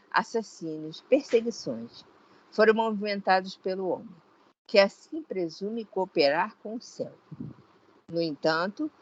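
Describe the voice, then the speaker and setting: Slow, measured Brazilian woman reading aloud. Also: medium pitch, dull audio. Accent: Brazilian Portuguese. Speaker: study group reader.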